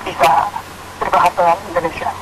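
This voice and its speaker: A Japanese woman speaking Indonesian as a foreigner, with a Japanese accent, halting between phrases as she answers interview questions. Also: on the low side, level tone. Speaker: radio guest. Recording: clearly noisy line.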